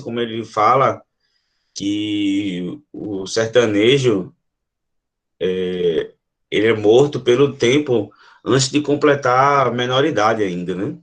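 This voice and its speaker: A Brazilian man gives a literature lesson in a mid-range voice. He explains step by step, with many fillers and frequent check-ins with his students. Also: medium pitch. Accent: Brazilian Portuguese. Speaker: teacher.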